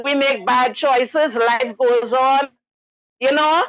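Earnest high-voiced woman caller. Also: steady tone, slow, a bit bright, low-quality recording. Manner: earnest, sympathetic opinion-giving. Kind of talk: call-in radio commentary.

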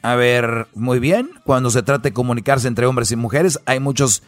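A man's voice: mid-range voice, moderate pace, dry recording. A man hosting a comedy radio show, talking in a mocking, wisecracking way.

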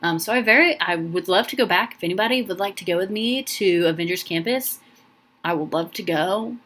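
This young woman's voice is on the low side and a bit bright, and she talks briskly as the solo host of a casual podcast. She wanders warmly between thoughts, often saying um and starting over, her emotion near the point of tears.

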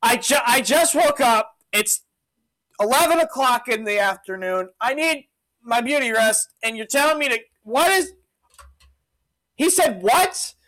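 A man's voice: very high-pitched, expressive, measured pace, bright, forceful tone, heavily acted, low-quality recording. A man doing a hungover, whiny Roman governor. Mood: exasperated. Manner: whiny, rambling, flustered.

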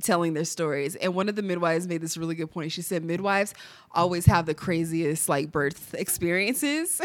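A woman's voice: on the low side, lively intonation, moderate pace, dry recording. A young adult woman with a stuffy nose, chatting casually and candidly as a podcast co-host, often giggling and swearing. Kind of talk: casual personal chat.

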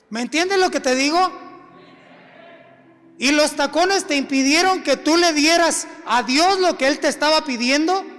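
A high-pitched man delivers a sermon slowly and deliberately. He hammers his points home, repeating phrases and calling his listeners brother. His voice rings with a long reverb, as in a church hall. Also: a bit bright. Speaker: preacher.

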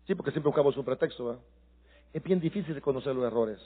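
A middle-aged male pastor, preaching a sermon that swings from quiet confiding talk to passionate shouting. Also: medium pitch, fast talker, breathy edge, phone-quality sound.

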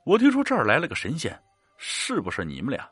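A man's voice: medium pitch, huge pitch swings, fast, fairly bright tone, slightly rough, no echo, soft background music, exaggerated voice. A man voicing a brash, hot-tempered rich male gambler in a spoken ghost story. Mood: indignant. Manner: brash, indignant.

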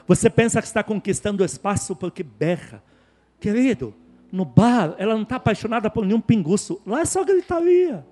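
High-voiced emphatic male preacher. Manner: emphatic, repeats key words, swings from hushed to loud. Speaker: pastor. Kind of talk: sermon.

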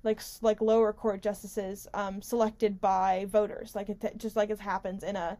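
On her talk radio show, a woman with a mid-range, dark voice speaks at normal speed with little pitch movement. Her political commentary is casual and unscripted, rambling and conversational, full of emphatic stresses and self-interruptions. She uses a studio-style mic pulled close on a squeaky stand.

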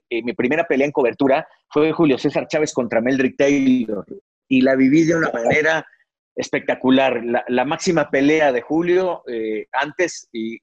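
A middle-aged sportscaster, appearing as an interview guest, reflectively tells stories from his career with frequent fillers and restarts. His mid-range voice has no echo, and the recording is dry and slightly dull.

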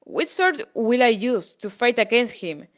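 Woman reading earnest young squire lad, humble and eager, fairly high voice. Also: lively intonation, a little slow. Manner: earnest, respectful.

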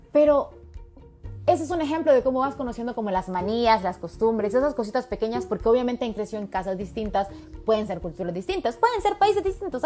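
A woman hosting a podcast, giving casual, emphatic relationship advice and calling the listener "mija". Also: fairly high pitch. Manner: chatty, emphatic, acts out quoted voices, calls listener "mija". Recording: soft music in background.

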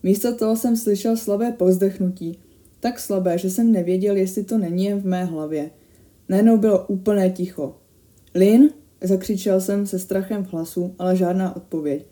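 A woman narrates a first-person horror story in a very dark, mellow voice. Her reading is steady and measured. It tightens with tension at the frightening moments, at a middling pitch.

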